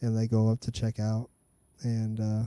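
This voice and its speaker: A man's voice: on the low side, monotone, normal speed, mellow, clean tone, no echo. A man hosting a podcast in casual chat, talking bluntly and swearing often. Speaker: podcast host.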